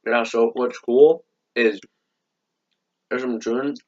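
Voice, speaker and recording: A man's voice: mid-range voice, fairly even intonation, slow pace, darkish tone, dull audio. A man casually co-hosting a candy review, joking and teasing his partner. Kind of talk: casual chat.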